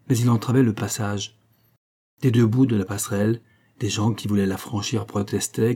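Male audiobook narrator, mellow and slightly low, reads in steady measured phrases. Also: husky. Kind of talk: audiobook reading.

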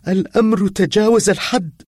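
A tearful, anxious young woman pleads in a raised, strained voice that leaps wildly up and down, as a man reading the story puts her on. The tone is husky and dry, and her worry keeps boiling over. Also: high-pitched, very animated, a little fast, darkish tone, no echo, pitched above the performer's own voice, exaggerated voice. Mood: distraught. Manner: pleading, rising to distraught outbursts. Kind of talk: audiobook reading.

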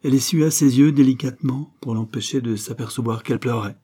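A man narrating a classic novel as an audiobook in a measured, even reading. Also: mid-range voice, slightly rough.

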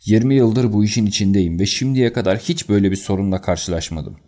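A man reading the lines of an anxious, quick-tempered colonel in an audiobook, in an agitated and excitable manner. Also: lowish voice, natural voice.

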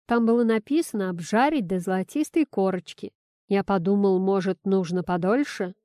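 A woman's voice: medium pitch, moderate pace, warm tone, dry recording, studio quality, close to an everyday voice. A woman reading the part of a flustered, well-meaning father who is new to parenting and jokes at his own expense. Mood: sheepish. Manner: wry, sheepish, self-deprecating.

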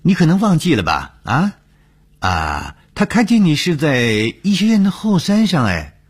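A man voicing a scheming male doctor who coaxes a patient with feigned sincerity and many drawn-out interjections. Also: wildly swooping pitch, husky, exaggerated voice. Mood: coaxing. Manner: high, wheedling, drawn-out coaxing with many interjections.

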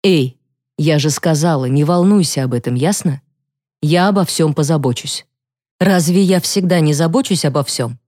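A woman reading an audiobook voices a bossy, protective teenage girl giving hushed, urgent commands. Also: low-pitched, normal speed. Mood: commanding, reassuring.

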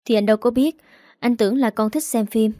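Woman voicing a doting young husband, teasing and coaxing, warm dry read. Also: fairly high pitch, brisk, no echo, lightly acted.

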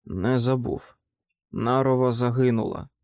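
A man voicing an exhausted male expedition leader who talks slowly, strained and worn out. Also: mid-range voice, level tone, a little mellow, no room sound, dull audio, close to an everyday voice. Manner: slow, strained, worn-out speech.

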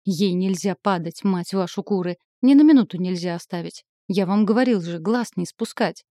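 A woman's voice: mid-range voice, steady tone, normal speed, mellow, no echo, studio quality, lightly acted. A woman voicing a stern, wealthy young man who is pleading guiltily with his lover. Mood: angry.

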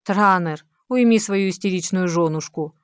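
A woman's voice: lowish voice, normal speed, clear, resonant tone, no room sound, lightly acted. A woman voicing a capricious, seductive sorceress queen. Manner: soft rustling voice, capricious drawl. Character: seductive, capricious female ruler, soft-voiced and cruel.

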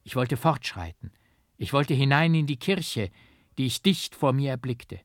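A man reading a literary novel aloud in a measured, emphatic, rhythmic narration. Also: medium pitch, lively intonation, no echo, clean studio sound. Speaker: audiobook reader.

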